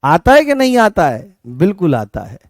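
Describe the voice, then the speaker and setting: A teacher with a Rajasthani Hindi accent walks students through grammar, repeating each point and throwing questions back at them. His voice sits high for a man. The recording is close and dry, with no room sound. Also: wildly swooping pitch, normal speed, no room sound. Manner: repetitive, coaxing, asks students questions and calls them beta; answers viewer comments by name. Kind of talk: online exam-prep grammar lesson.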